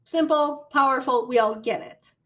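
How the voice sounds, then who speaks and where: A woman with a Midwestern American accent giving a recorded college lecture, chatty and animated, with storytelling asides. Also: high-pitched, moderate pace. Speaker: college communication instructor.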